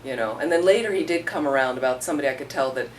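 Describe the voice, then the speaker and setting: Her pitch extremely low and her pace racing, a middle-aged woman teaches Buddhism in an informal talk, storytelling conversationally and performing what people said. Faint room noise surrounds her on a distant mic.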